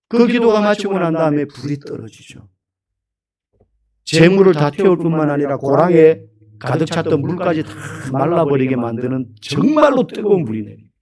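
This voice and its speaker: A man's voice: high-pitched, a little mellow. A man preaching a sermon as a pastor, emphatic and full of rhetorical questions.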